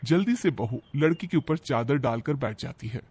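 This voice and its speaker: A man giving scripted narration for a cartoon story in an even storytelling manner. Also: medium pitch, moderate pace, slightly rough, no echo.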